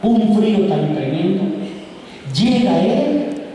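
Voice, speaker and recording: A male priest preaching a sermon, animated and asking the congregation questions. He acts out voices and sounds as he tells his stories. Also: high voice, slow, slight background noise. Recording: echoey church hall from far off.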